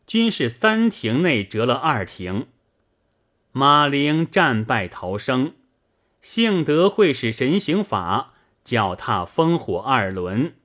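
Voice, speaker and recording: A man reading a classic novel aloud as an audiobook, with a measured storytelling delivery. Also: mid-range voice, a bit bright. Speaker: audiobook reader. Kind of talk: scripted narration of a classic novel.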